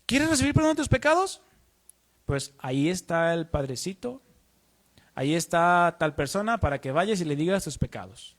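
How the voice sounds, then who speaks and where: A high-pitched man gives a teaching sermon in church. He explains earnestly and puts questions to the congregation. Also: very animated, moderate pace, fairly bright tone. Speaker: preacher.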